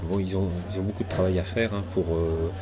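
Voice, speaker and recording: A middle-aged man from southwest France speaks low and quick with fairly even intonation, a guest in an interview. He rambles hesitantly, full of fillers and restarts, while a noisy crowd surrounds him.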